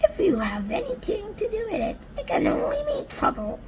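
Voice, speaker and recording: A woman voicing a gloomy, complaining male earthworm in a storybook reading, muttering in a high, whiny, breathy tone. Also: huge pitch swings, normal speed, a crowd in the background, full character voice.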